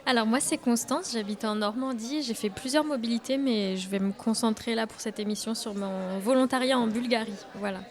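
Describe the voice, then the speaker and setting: A woman's voice: fairly high pitch, brisk, hardly any pauses. A young woman answering as a radio panel guest, fluent and running her sentences together. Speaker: volunteer, programme ambassador.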